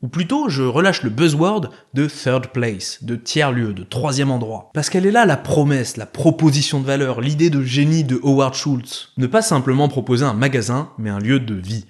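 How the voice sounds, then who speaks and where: A man's voice: medium pitch, normal speed, hardly any pauses, a little mellow. A man narrating a scripted video essay as its host, with sarcastic, slangy asides.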